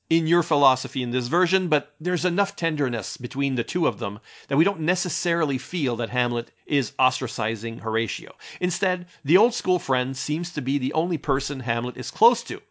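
A man's voice: mid-range voice, a bit bright. Man narrating analysis, slightly dull recording. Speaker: narrator and film critic. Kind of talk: scripted analytical commentary.

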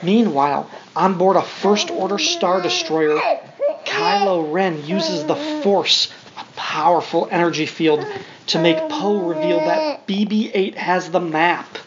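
A woman with a lowish, expressive voice reads a storybook aloud a little slowly to a young child, like a parent, adding simple asides and questions. A noisy crowd sounds in the background, and the home recording is dull with faint noise.

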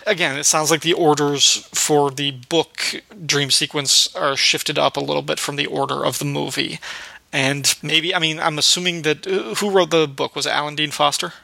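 A man's voice: a little high, steady tone, moderate pace, gravelly, pushed and bright, no echo, rough recording. A man hosting a podcast, talking things through in a casual, thoughtful discussion. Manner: thoughtful, musing. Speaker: podcast host.

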